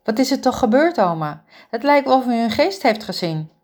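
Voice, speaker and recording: A woman voicing a young female caregiver who is worried about her grandmother, talking quickly and with concern. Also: a little high, very animated, darkish tone, voice pushed up.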